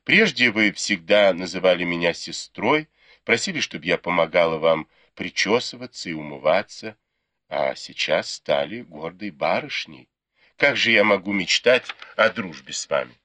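A man voicing a gentle young maidservant in an audiobook, coaxing and a little plaintive. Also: sits low, animated, normal speed, no echo, full character voice. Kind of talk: audiobook character reading.

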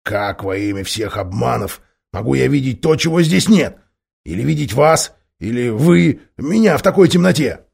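A male narrator voices a suspicious, stubborn dwarf from a storybook. The voice is husky and gravelly, sitting somewhat high and leaping about in pitch as he snaps and grumbles. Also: sing-song, normal speed, darkish tone, full character voice. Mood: scornful, grumpy. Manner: snapping, shrill when outraged.

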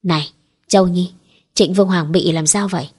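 A woman's voice: lowish voice, steady tone, moderate pace, darkish tone, husky. A woman reading a curious young man.

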